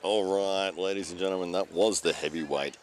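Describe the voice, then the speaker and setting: A man's voice: low voice, fairly quick, slight background noise. A man hosting a live sports stream and calling the action as a commentator. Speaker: stream host and play-by-play commentator.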